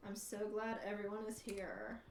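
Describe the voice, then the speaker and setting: A woman's voice: medium pitch, little pitch movement, moderate pace, a little mellow, recorded from a distance. Wry woman game streamer in an echoey room. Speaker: livestreamer hosting a charity gaming stream. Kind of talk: casual live game-stream commentary, thinking aloud and chatting with viewers. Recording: roomy echo, off-mic, faint background noise.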